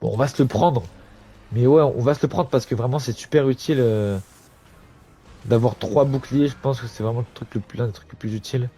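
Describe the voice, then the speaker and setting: Excitable young gamer man. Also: mid-range voice, brisk, a little hiss or hum. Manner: excitable, slangy, talks to viewers, sudden yelps. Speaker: gamer streamer. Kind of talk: casual gameplay commentary.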